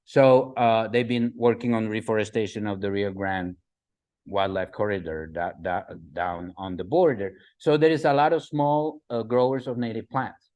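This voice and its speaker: A man in his forties from the Republic, giving a slide talk as a guest speaker, halting with fillers and often asking "right?". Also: fairly low pitch, steady tone, a little mellow. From Czech Republic. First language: Czech. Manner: halting, many fillers and restarts, asks "right?". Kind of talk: presentation with slides.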